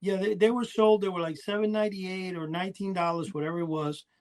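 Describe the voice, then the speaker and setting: A male podcast co-host reminisces about old toys, chatty and rambling and full of small details. He talks fast in a high, slightly mellow voice with a steady tone.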